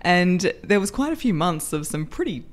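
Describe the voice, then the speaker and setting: Middle-aged woman voice coach, upbeat interview guest who laughs often, lowish voice. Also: moderate pace. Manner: lively, laughs often, self-deprecating. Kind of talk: podcast interview.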